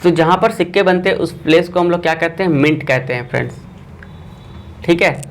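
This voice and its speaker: A man's voice: fairly high pitch, fairly quick, slight background noise, poor audio. Man teaching an online exam class. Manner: quizzing viewers with a repeated filler.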